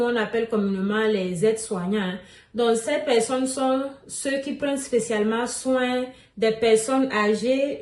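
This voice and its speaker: A woman's voice: a little high, a little mellow, recorded from a distance. Chatty woman vlogger, echoey phone mic. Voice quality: crackly voice. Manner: chatty, laughs often, repeats key points. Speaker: immigration vlogger. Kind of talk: casual explainer vlog.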